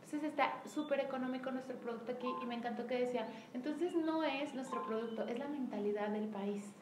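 A Mexican woman leading a sales team meeting in casual motivational talk, acting out quoted dialogue with lively shifts. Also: high voice, a little fast. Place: room with a small group present. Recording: echoey room, faint background noise.

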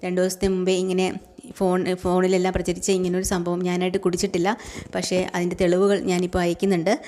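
A woman voicing a wronged young husband who earnestly clears his name, stumbling over words. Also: on the low side, completely flat delivery, a little fast, warm tone, lightly acted.

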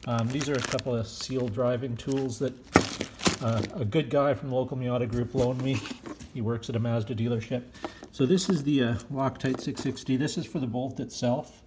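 A man with a mid-range, steady voice, scratchy from smoking, talks at normal speed. He's a home mechanic filming a casual car repair walkthrough on a handheld phone in his garage, rambling with plenty of fillers as he deals with the parts.

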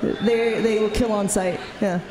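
A woman's voice: medium pitch, steady tone, measured pace, a loud crowd. A young woman in her twenties bantering casually as a dating show contestant, blunt and dryly picky. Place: indoor theatre stage before an audience. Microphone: handheld microphone. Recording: echoey hall, noisy live stage.

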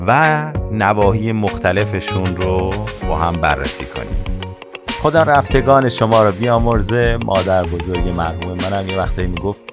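A male English teacher whose first language is Persian, explaining quickly and then reading model sentences slowly and carefully. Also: deep voice. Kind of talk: language lesson.

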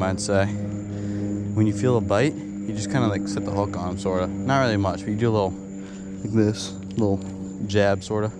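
A young man vlogs from a dock while fishing, narrating casually in a fairly low voice that's loose and laid-back, full of fillers like "like" and "sorta." It's outdoors by the water as evening turns to night, picked up on a head-mounted action camera with insects and crickets in the background.

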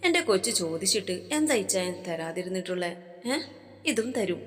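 A woman's voice: medium pitch, animated, moderate pace, in a large hall, natural voice. A woman voicing an affectionate, teasing young husband, in a storybook reading. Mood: tender. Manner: gentle, teasing.

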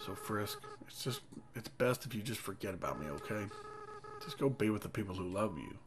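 A man's voice: on the low side, expressive, fairly quick, noisy background, close to an everyday voice. A man reading as a tearful young goat-monster boy. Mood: sad. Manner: soft, pleading and apologetic. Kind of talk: reading game dialogue aloud. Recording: game music playing underneath. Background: game soundtrack music.

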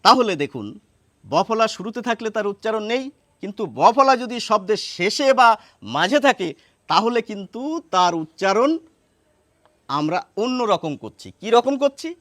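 A man teaching a lesson, explaining step by step and repeating words slowly to show how they sound. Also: high voice, animated, fairly bright tone, no echo, clean studio sound. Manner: explains step by step, asks rhetorical questions.

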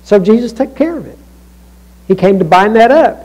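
A man preaching a sermon as a pastor in a church, talking in a conversational way with restarts and asides, swinging from raised emphasis down to near-hushed lows. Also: expressive, moderate pace, poor audio.

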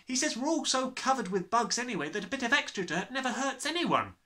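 A man voicing a brave, cheeky, bright little schoolboy in a storybook, matter-of-fact and plucky. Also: very high voice, sing-song, quick pace, pitched above the performer's own voice, exaggerated voice.

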